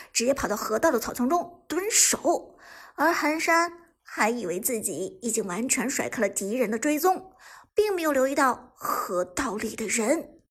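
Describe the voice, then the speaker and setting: Give me a woman reading a story aloud in a high, airy voice. She tells it with lively energy and sudden bursts of excitement, like an audiobook narrator. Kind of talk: scripted narration of an esports novel.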